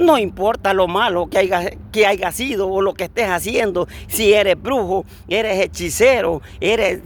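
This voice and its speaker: A man preaching a fervent sermon outdoors, repeating blessings and calling listeners brothers. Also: sits high.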